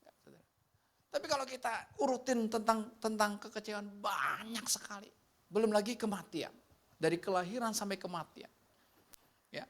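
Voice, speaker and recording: A male pastor giving a conversational sermon. He speaks straight to the congregation, moves between animated and hushed delivery, and acts out the complaints and prayers he quotes. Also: high voice, moderate pace, long pauses.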